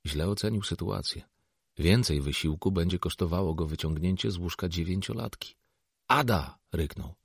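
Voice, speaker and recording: A man reads a novel aloud in a measured, steady narration. His voice sits very low and has a husky grain, and it is recorded close and dry with no room sound. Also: no echo. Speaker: audiobook narrator. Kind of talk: scripted narration.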